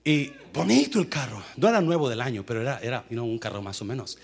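A middle-aged man, a pastor, telling a story in a sermon with lively sound effects and English phrases mixed in. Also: mid-range voice, fast talker, gravelly, breathy edge.

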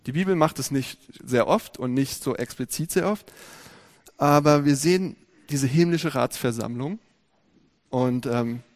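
A man preaching a sermon, speaking lively and directly to his congregation with many rhetorical questions. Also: medium pitch, a little slow.

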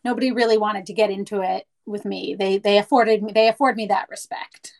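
A woman's voice: mid-range voice, steady tone, fairly quick, creaky, rough recording. A woman in her thirties from Canada, chatting casually and telling stories with small restarts. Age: 30s. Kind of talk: casual chat.

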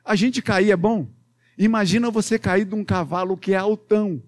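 A pastor with a Minas Gerais accent telling a Bible story to children, animated and playful, with sound effects and questions to the kids. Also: male voice, sits high, moderate pace.

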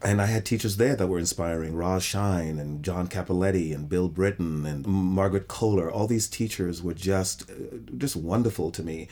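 A middle-aged man from Trinidad who works as an actor and director, telling expressive stories in an interview and repeating words when he gets excited. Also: sits low, normal speed, few pauses. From Trinidad, West Indies. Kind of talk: interview conversation.

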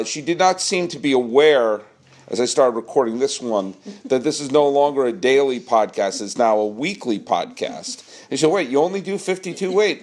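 A man hosting a casual baseball podcast, joking and projecting as he performs. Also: medium pitch. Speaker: podcast host.

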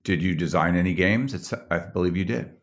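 Deep gravelly male podcast host. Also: a little fast. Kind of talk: podcast intro and interviewing.

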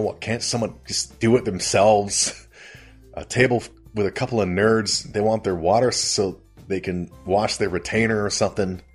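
A man's voice: fairly low pitch, slightly rough. A man hosting a casual comedic recap of a TV episode, rambling and amused at his own retelling. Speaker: host.

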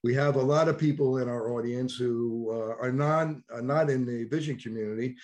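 A man's voice: medium pitch, steady tone, a little mellow. New York man interviewing a colleague. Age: middle-aged. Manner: conversational, measured questions with fillers. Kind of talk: professional interview.

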